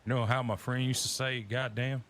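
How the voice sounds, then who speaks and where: A man's voice: mid-range voice, flat delivery, quick pace, a bit bright. A man in a Western role-play game, telling folksy stories full of rural sayings and mock voices.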